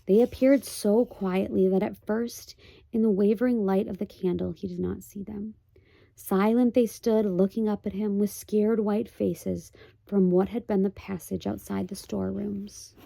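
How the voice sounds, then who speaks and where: A woman reading a children's novel aloud, gently, with chatty asides. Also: mid-range voice, fairly even intonation, unhurried, gravelly, no echo. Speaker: storybook reader.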